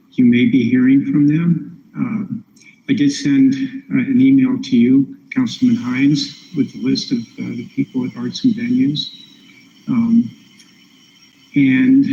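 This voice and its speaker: A man in his seventies making an informal public comment, hesitant, polite and apologetic, with halting phrases. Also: medium pitch, gravelly, warm tone. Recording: dull, muffled meeting-room sound with noise.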